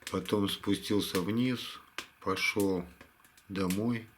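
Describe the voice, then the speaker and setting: A tired man talking casually to camera in a halting, resigned way, like a hunting vlogger winding down his day. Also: on the low side, fairly even intonation, a little hiss or hum. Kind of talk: casual vlog monologue to camera.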